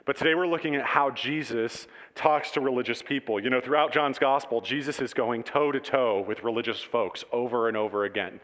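A man preaching a conversational sermon, casual and animated, asking the congregation questions. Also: medium pitch, fairly quick, hardly any pauses. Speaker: pastor. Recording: long hall reverb.

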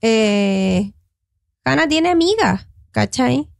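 A young Chilean woman in a casual podcast chat, teasing and slangy. Her voice is high, with a gravelly fry running through it. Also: expressive, very slow, no echo, clean studio sound. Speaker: podcast co-host.

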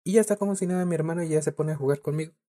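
A man's voice: fairly high pitch, rapid-fire, dark tone. Slangy Mexican man telling a story. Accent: Mexican Spanish. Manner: slangy storytelling, laughs often. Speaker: podcast co-host. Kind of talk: casual chat.

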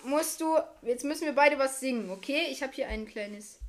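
A woman's voice: high-pitched, moderate pace. A female-sounding podcast host in casual, goofy chat, bossy and exclamatory in a playful way.

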